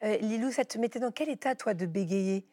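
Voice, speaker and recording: A woman's voice: medium pitch, brisk, mellow. A woman hosting a TV talk show, asking her guests questions and encouraging them. She keeps the conversation moving with short reactions and follow-ups. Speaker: TV show host. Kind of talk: interviewing.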